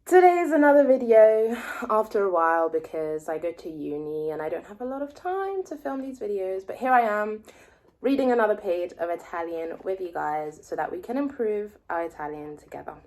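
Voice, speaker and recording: Reading a text aloud slowly and explaining it, a native French speaker in her twenties vlogs as a language learner, pondering aloud and guessing at words she doesn't know. Her mid-range voice is very animated, with a darkish tone.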